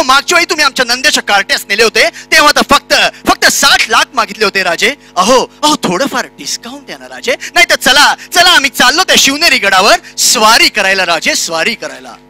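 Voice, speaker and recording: A pompous hero straight out of a historical stage drama, booming and melodramatic, as a man puts him on. The voice rides high and loud with a ringing brightness. Faint music runs underneath. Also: exaggerated voice.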